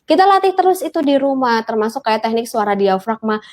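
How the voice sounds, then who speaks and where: Young woman, Javanese accent, fairly high voice, speaking coach, casual talk show chat. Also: sing-song, fairly quick. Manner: explanatory, demonstrates vocal drills and newsreader delivery. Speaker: guest public speaking coach.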